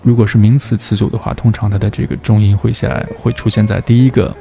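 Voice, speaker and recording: A man teaching English pronunciation, patiently explaining each point step by step and sounding words out slowly. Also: on the low side, flat delivery, vocal fry, warm tone, faint music behind. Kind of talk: explanatory lesson.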